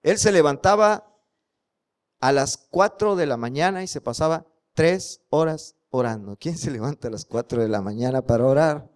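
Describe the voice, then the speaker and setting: A man's voice: a little high, animated, normal speed, darkish tone, smooth. A man preaching a sermon, telling stories and asking the congregation rhetorical questions.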